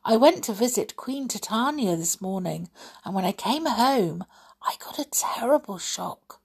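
Gentle little snow queen fairy, read by a woman, soft and slow, a bit husky. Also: medium pitch, expressive. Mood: earnest.

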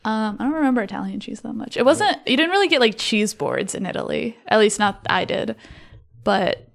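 A woman's voice: a little high, fairly quick, vocal fry. A young woman telling travel food stories in casual chat, full of "like" fillers. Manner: relaxed, filler-heavy storytelling with many likes.

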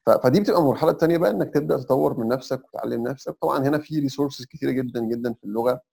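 Young Egyptian guest, Egyptian Arabic accent, gravelly and husky, explains things in a quick step-by-step chat. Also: male voice, medium pitch, a little mellow. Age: young adult. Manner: explains step by step, sprinkles English terms. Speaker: podcast guest. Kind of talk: casual advice chat.

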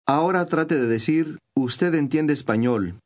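A man reading scripted instructions for a language course, clear and measured. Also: on the high side.

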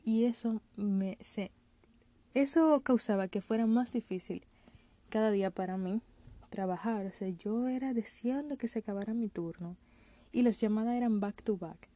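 In a warm, medium-pitched voice at a normal pace, a woman vlogger chats with her audience while telling a casual personal story. She sprinkles English call-center and work terms into her talk, and there's no echo on the recording.

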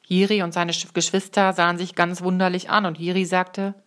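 A woman reading a children's book aloud in a calm, measured way, now and then correcting small slips. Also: on the low side. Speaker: audiobook reader.

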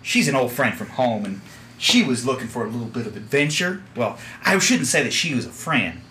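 Man voicing a Southern-drawling tiefling captain, gruff and measured, podcast game. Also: medium pitch, big pitch swings, pushed and bright, a little hiss or hum. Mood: steady.

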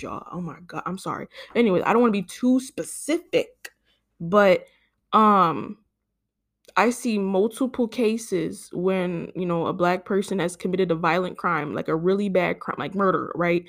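A woman's voice: mid-range voice, gravelly. Exasperated rambling young woman podcaster. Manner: rambling and exasperated, with many fillers and stumbles. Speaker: podcast host. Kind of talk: casual solo podcast monologue.

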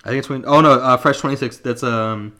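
A man in his twenties reading a story aloud on a casual podcast, laid-back and quick to laugh, swearing freely. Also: mid-range voice, steady tone, sharp tone.

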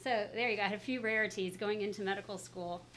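A woman's voice: mid-range voice, fairly even intonation, fast talker, a bit bright, slight background noise, rough recording. A middle-aged woman chatting casually as a pediatrician guest in an interview, speaking through a face mask. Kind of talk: casual interview, telling career story.

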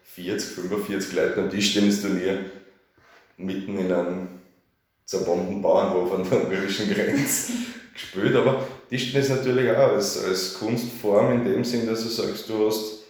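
Deep-voiced man in an echoey room. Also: steady tone, moderate pace, a little mellow. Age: 30s. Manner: chatty, filler-heavy, asks for agreement. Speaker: festival organizer. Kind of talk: casual radio interview.

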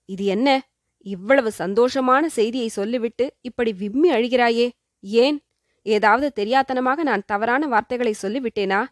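A woman voicing a young male prince who speaks gently and firmly to his beloved, in a storybook reading. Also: on the high side, no room sound, clean studio sound, lightly acted. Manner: gentle, reassuring.

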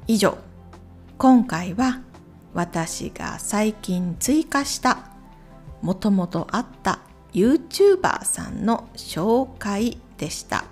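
A woman speaking slowly and clearly in simple phrases, recommending channels with gentle asides. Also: medium pitch, big pitch swings, faint music behind. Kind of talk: slow, clear talk for Japanese learners.

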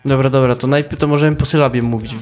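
A man's voice: mid-range voice, fairly even intonation, very fast, darkish tone. A man co-hosting a podcast, talking casually and joking around with the others. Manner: joking, playful. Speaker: podcast co-host. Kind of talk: casual chat.

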